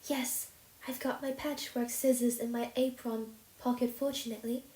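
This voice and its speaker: A woman's voice: level tone, normal speed, warm tone, natural voice. Woman doing a dramatic, tearful orphan girl. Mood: solemn. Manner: high-flown, theatrical, sobbing. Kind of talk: storybook reading. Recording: roomy echo.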